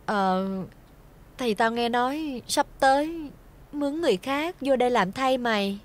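A woman's voice: a little high, expressive, a little slow. An actress playing a middle-aged servant woman, blunt and scolding but kind, with a Southern Vietnamese accent. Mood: gruff, soothing. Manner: blunt, scolding yet soothing. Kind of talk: TV folk-tale drama acting.

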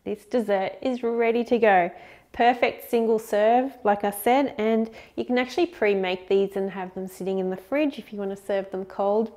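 In a kitchen, a woman in her 30s hosting a cooking show walks through a friendly recipe demonstration step by step. Her voice is medium-pitched and darkish, with fairly even intonation at a normal speed, though she comes across as upbeat and chatty.

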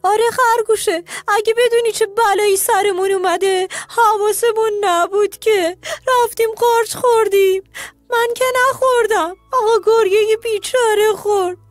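A woman voicing a sly, scheming fox in a children's storybook, with a high, coaxing voice. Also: steady tone, dry recording. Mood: fake mourning. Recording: soft music underneath.

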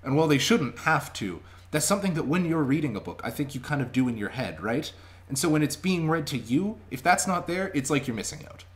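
This audiobook vlogger, a young adult man, has a fairly high voice with lively intonation and a fairly quick pace. He gives a casual, enthusiastic, emphatic spoken review to his webcam, mic at arm's length, from a small indoor room at home.

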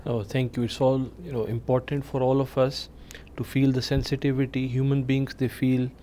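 Mellow-voiced male talk show host. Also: mid-range voice, flat delivery, slight background noise. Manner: measured, hesitant with many fillers. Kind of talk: interview questions. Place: TV studio.

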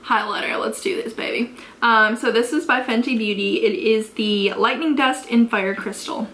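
A woman's voice: fairly high pitch, moderate pace, a bit bright, slight background noise. An American woman in her twenties chatting casually through a makeup tutorial, giggly drunk, rambling and swearing freely. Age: 20s. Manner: sweary, unfiltered. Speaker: beauty vlogger. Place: carpeted bedroom, indoors.

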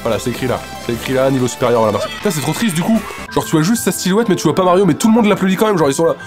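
A man's voice: fairly high pitch, expressive, very fast, music in the background. A man hosting a French let's play, joking, swearing and reading the game's lines aloud as he goes. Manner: profane, sarcastic, swings between mutters and outbursts. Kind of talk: casual gameplay commentary with voiced dialogue.

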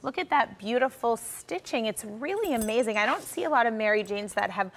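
A woman's voice: a little high, animated, a little fast. An American woman in her thirties or forties giving a chatty product demonstration on a home shopping show in a studio.

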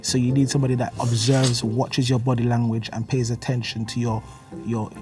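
A man in his thirties from Jamaica with a Jamaican accent, talking on a date in a relaxed, flirty way and slipping into patois. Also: mid-range voice, brisk. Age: 30s. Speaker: speed dating contestant. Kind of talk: casual date conversation. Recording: clip played back from a distance with music under it.

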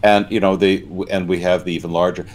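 A man, a canon on a church news panel, speaking briskly with fillers and dry sarcastic humor. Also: deep voice, level tone. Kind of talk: casual panel discussion.

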